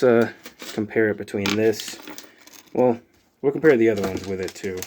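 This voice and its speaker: A man with a fairly low-pitched voice hosts his channel, rambling easily through an unboxing with plenty of fillers. The mood is relaxed, and there's slight background noise.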